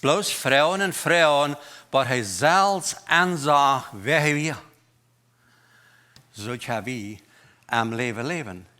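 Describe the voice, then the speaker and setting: A man preaching a sermon in a church, with a Low German accent, mixing German and English words into his talk in an emphatic way. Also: takes it slowly, pauses often, pushed and bright. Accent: Mennonite Low German.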